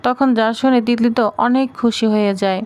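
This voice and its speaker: High-voiced woman recapping a story. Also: fairly even intonation, a little mellow. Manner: quick, plain retelling voicing every character in her own voice. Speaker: narrator retelling a TV serial. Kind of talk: story recap narration with quoted dialogue.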